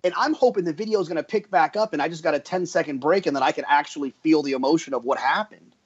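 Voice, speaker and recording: A man co-hosting a horse racing podcast, telling a story with energy and lots of quick restarts. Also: fairly high pitch, breathy edge, lo-fi sound. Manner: animated storyteller with frequent restarts. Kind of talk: casual podcast chat.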